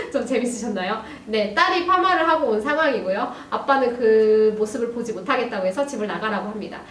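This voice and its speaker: A woman teacher giving a recorded lesson to young students, talking gently and addressing them directly. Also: a little high, animated, a little fast, few pauses. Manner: gentle, addresses students warmly, frequent "ja" fillers. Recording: roomy, distant mic, faint hiss.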